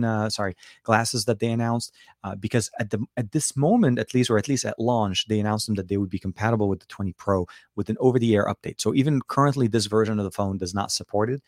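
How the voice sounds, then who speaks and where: A middle-aged man with a lowish voice, a little coarse and worn after a late night, hosts a casual tech livestream. He rambles and often rephrases himself as he talks to viewers. The sound is dry and close, with very little room. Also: darkish tone, no room sound. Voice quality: slightly coarse voice. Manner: rambling, repeats and rephrases words. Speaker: tech reviewer and livestream host.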